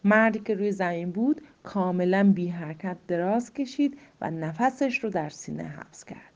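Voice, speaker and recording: A woman narrating a story slowly and suspensefully, often dropping to a whisper. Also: fairly low pitch, creaky, darkish tone. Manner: slow suspenseful reading, drops to whispers. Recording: muffled lo-fi recording.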